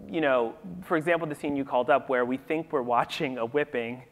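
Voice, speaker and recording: A man talks on a literary festival panel, his voice at a middling pitch. He thinks aloud in an animated way, peppering his points with "you know". The sound carries a long reverb, the kind a large hall gives. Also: brisk. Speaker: panelist discussing theater.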